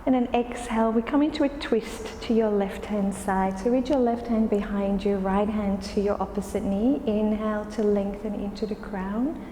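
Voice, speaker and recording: Speaking at a moderate pace with few pauses, a woman with a mid-range voice leads a yoga class in a mellow, soft-edged tone, calm and soothing as she takes her time between instructions. Long reverb makes the recording echoey, and faint noise sits behind her.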